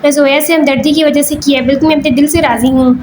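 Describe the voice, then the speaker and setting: A woman's voice: sits high, fairly even intonation, reverberant, background noise, lightly acted. A woman voicing an easygoing young son. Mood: plain.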